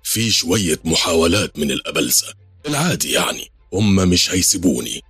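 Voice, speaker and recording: Brief: man doing a steady Egyptian jinn king, deep husky voice, reassuring. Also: fairly quick, dry recording, faint music behind, full character voice. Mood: calm. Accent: Egyptian Arabic. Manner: reassuring, calm.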